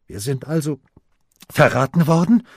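A man's voice: a little high, moderate pace, no echo, clean studio sound, voice pushed up. A man voicing a defiant teenage boy, speaking with fervent, trembling agitation. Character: defiant teenage boy, zealous young militant.

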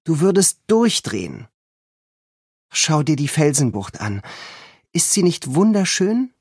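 A man's voice: fairly high pitch, very animated, takes it slowly, husky, dry recording, clean studio sound, voice pushed up, exaggerated voice. A man doing a fierce, proud tomboy girl. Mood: wistful. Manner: rising sharply to urgent shouting when alarmed.

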